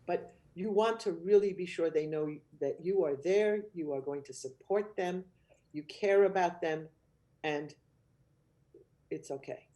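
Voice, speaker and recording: A woman giving advice on supporting children in child care, explaining in a calm, earnest way and modeling gentle phrases to say. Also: fairly low pitch, unhurried. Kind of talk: instructional webcast talk.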